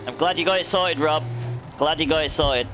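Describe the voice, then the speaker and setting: A man's voice: on the high side, fairly quick, a bit bright, slight background noise. A young man streaming a racing game, chatting casually, laughing often and addressing viewers by name. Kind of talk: casual chat while gaming.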